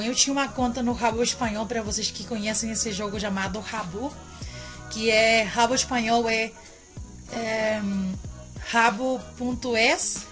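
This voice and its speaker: Talking casually to her camera, a vlogger from Mexico wanders from point to point, says things twice and ends lines with "né." She speaks Spanish natively with a Mexican accent, in a fairly bright voice on the high side.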